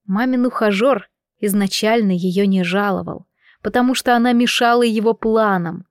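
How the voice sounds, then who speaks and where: A woman reading narration for a novel in a measured, expressive way. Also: on the high side, no room sound, studio quality. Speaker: audiobook narrator. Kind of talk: scripted narration.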